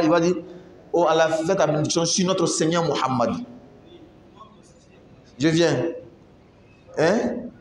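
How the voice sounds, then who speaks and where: A man giving a religious lesson to a class, explaining slowly, asking them questions and reciting Arabic phrases. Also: a little mellow. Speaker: religious teacher. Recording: echoey room, faint rumble.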